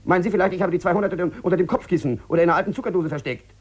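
An actor playing a desperate, sick gambler in debt, pleading and stammering on the phone in a 1950s radio play. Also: male voice, sits high, racing. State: feverish. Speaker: lead character in a radio drama.

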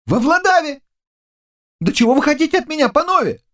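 A frantic young manservant yelps in a high, thin voice, rushing his words in a panic. His pitch leaps around wildly from line to line. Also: lively intonation. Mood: panicked. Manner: shrill, panicky, rushed. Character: frantic young male servant. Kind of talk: audiobook character voice.

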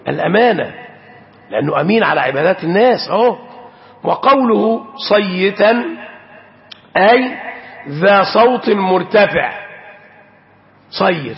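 High-voiced Egyptian sheikh quizzing his class. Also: in a large hall, highs cut off. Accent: Egyptian Arabic. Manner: prompts students with fill-in questions and repeats 'pay attention'. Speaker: sheikh teaching Islamic jurisprudence. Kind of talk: classroom religious lesson.

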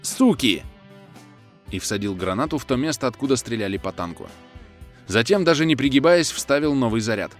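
A man narrating a first-person war novel as an audiobook reader, in a steady, even manner. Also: mid-range voice, a little fast, faint music behind.

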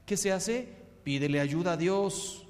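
A middle-aged Mexican man, a priest, giving a humorous sermon with lively, punchy storytelling in a hall. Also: sits high, measured pace. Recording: long hall reverb.

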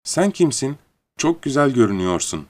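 A man voicing a gentle, curious little boy prince who speaks politely and wistfully. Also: medium pitch, big pitch swings, normal speed, voice pushed up. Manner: polite, wondering, softly pleading.

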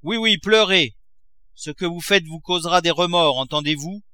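A man voicing a furious, miserly old father who shouts and mocks. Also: mid-range voice, unhurried, no echo. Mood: scornful. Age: older. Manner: shouting, explosive, mocking.

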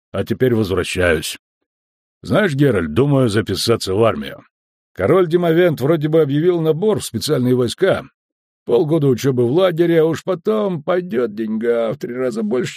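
A man doing a gruff, blustering customs officer. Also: medium pitch, no room sound, clean studio sound, voice pushed up. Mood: grumbling. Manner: loud, blunt and scornful.

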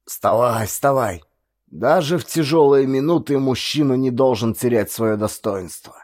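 A man voicing a stern, proud older male householder who talks in a gruff, scornful and commanding way in a storybook reading. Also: mid-range voice, measured pace, darkish tone, natural voice.

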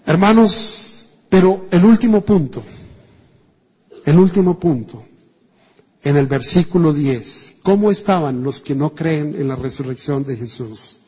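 Animated Colombian preacher in reverberant hall. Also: male voice, on the high side, measured pace, slightly rough. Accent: Colombian Spanish. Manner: animated, rhetorical questions, swings between loud and soft. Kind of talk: sermon. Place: church hall. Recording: dull sound with long church reverb.

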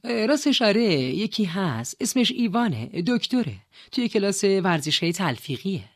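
A woman's voice: mid-range voice, very animated, dry recording, clean studio sound, voice pushed up. Woman reading young brother, unsure and tentative, audiobook dialogue. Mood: shy. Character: young adult man, hopeful brother.

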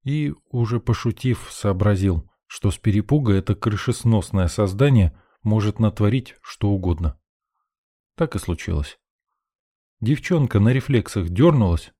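A man narrating an audiobook in the first person, with a gruff, sardonic manner. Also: fairly low pitch, warm tone, no room sound, clean studio sound.

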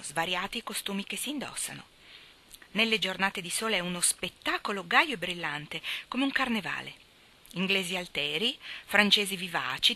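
A woman reading a classic novel aloud as an audiobook, with a measured, expressive delivery. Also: lowish voice. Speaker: reader.

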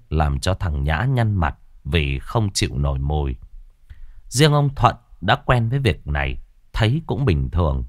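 A male storyteller reads a story aloud with a low voice that rises and falls expressively. The sound is close and dry, with no room echo. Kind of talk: scripted story narration.

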